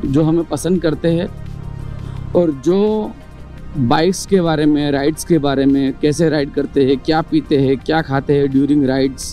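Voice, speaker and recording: A man's voice: on the high side, fairly even intonation, unhurried, mellow, faint music behind. A young man talking casually to camera as a motovlogger, explaining his points one by one with rhetorical questions. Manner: explains in numbered points, mixing English words; chatty, asks rhetorical questions.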